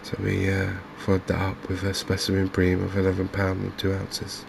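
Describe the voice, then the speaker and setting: With a touch of vocal fry, a male gaming host offers quiet ASMR commentary in a low, very monotone voice. He speaks haltingly and understates things softly, and background noise is noticeable.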